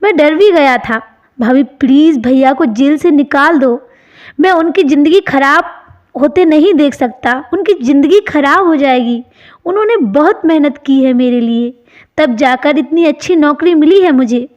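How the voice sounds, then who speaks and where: A woman's voice: high voice, moderate pace, darkish tone, muffled recording, close to an everyday voice. A woman reading the part of a tearful young man who pleads with his sister-in-law in a choked voice. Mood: pleading.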